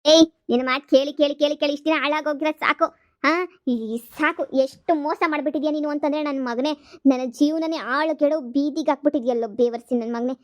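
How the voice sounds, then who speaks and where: A woman playing a furious cartoon wife, pouring out insults in a high voice. The recording sounds dry and slightly dull. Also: steady tone, no echo, natural voice. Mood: furious scolding. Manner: rapid cursing tirade. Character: furious scolding village wife, sharp-tongued. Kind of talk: cartoon comedy dubbing.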